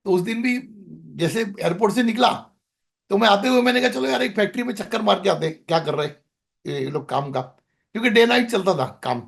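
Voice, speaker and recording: A man's voice: high voice, animated, a little fast, vocal fry. A middle-aged man, a podcast guest, telling a rambling story in casual conversation, with many restarts.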